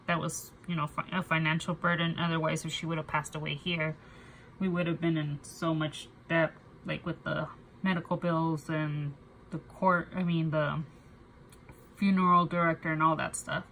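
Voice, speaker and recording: Speaking to camera about personal matters, this young woman has a cold, which leaves her lowish voice nasal. She is a budgeting vlogger whose soft delivery is full of fillers and restarts. The recording is rough, with a little hiss or hum.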